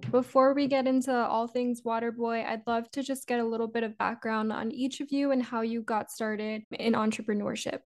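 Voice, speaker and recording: Podcast host lady, higher voice, friendly interviewer vibe. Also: steady tone, normal speed, hardly any pauses, a little mellow, faint music behind. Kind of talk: scripted intro and interview.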